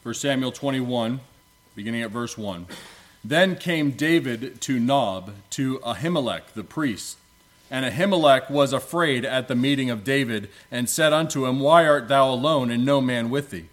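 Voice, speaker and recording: Solemn preacher at a pulpit microphone. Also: male voice, medium pitch. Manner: solemn, measured reading in archaic biblical English. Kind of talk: prayer and scripture reading in church.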